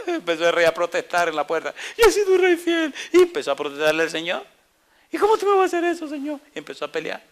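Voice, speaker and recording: With a voice on the high side, a male pastor delivers an animated sermon, putting questions to the congregation and performing bits of dialogue in playful voices.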